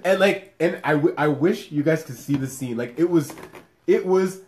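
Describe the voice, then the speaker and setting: A young adult man co-hosting a podcast, telling a story in casual chat with lively, laughing energy. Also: a little high, moderate pace. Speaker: podcast co-host.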